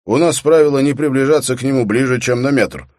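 A man's voice: mid-range voice, quick pace, a little mellow, no room sound, studio quality, pitched above the performer's own voice, natural voice. A man voicing a prison guard who speaks in a firm, matter-of-fact way. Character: brisk, loud prison guard.

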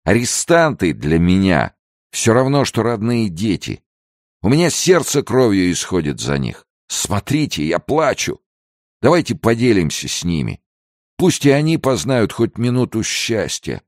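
A man's voice: lowish voice, very animated, measured pace, no room sound, studio quality, pitched above the performer's own voice. A man voicing a drunken, sentimental prison chief who talks in a maudlin, tearful, slurred way. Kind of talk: audiobook character voice.

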